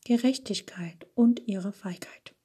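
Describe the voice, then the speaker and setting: A woman's voice: mid-range voice, slow pace, mellow, husky. A woman voicing a threatening, fanatical male waiter holding a pistol, hard-edged and menacing.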